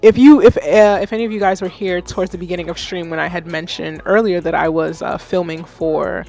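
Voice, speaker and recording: Woman in her 30s doing a music feedback livestream, joking about getting old, chatty and animated, faint music behind her. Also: fairly low pitch, brisk, vocal fry. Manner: animated, self-mocking, talks to chat. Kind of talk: casual livestream commentary.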